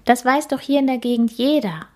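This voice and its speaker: A woman putting on a gentle ghost lady from a storybook, her voice lifted high above the narrator's own. She sounds worn out and plaintive, whining softly yet staying polite. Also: fairly quick, natural voice. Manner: whiny, plaintive. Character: sad, tired female ghost, polite and whiny. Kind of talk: storybook reading.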